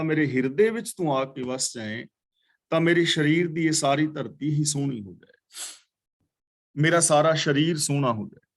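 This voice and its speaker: A man teaching a scripture class, chanting verses slowly and then patiently explaining them word by word. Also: fairly high pitch. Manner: patient, corrects pronunciation. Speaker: katha teacher.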